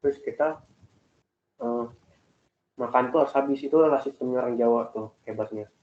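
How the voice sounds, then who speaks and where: Young man, casual group chat, rambling animated storytelling, echoey room, tinny phone-like sound. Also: medium pitch, fairly quick. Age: young adult. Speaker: student in group discussion. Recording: echoey, phone-like call audio.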